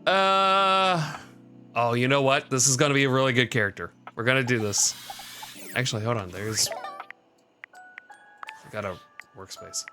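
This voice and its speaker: A man's voice: mid-range voice, a little slow, pauses often, pushed and bright, soft background music. A man streaming a video game, joking and reacting casually to it. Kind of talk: casual gameplay commentary.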